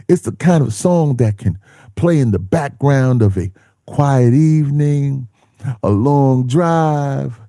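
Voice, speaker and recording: A man with a deep, mellow voice hosts a music show in scripted commentary. He talks slowly and lets his pitch rise and fall freely, dropping laid-back slang and stretching out the phrases he wants to stress. The sound is dry and close, with no room around it. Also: no echo.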